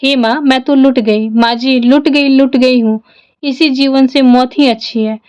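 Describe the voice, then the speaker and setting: A woman's voice: sits high, steady tone, unhurried, darkish tone, clear, resonant tone. A woman voicing a pleading, grieving devoted wife. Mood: despairing. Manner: pleading, tearful prayer.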